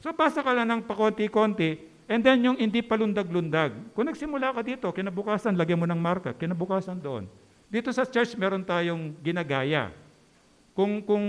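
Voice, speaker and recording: A man preaching as a pastor in a church, conversational and joking, often checking in with the congregation. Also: sits high. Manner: conversational, keeps asking the congregation "di ba?"; joking with the audience. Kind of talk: sermon. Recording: long church hall reverb.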